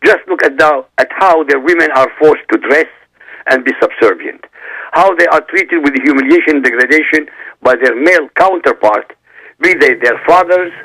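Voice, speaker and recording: A man who speaks Arabic as his first language appears as a talk show guest by phone, reading a prepared statement formally and emphatically. His pitch is fairly high, and the audio has the quality of a phone call.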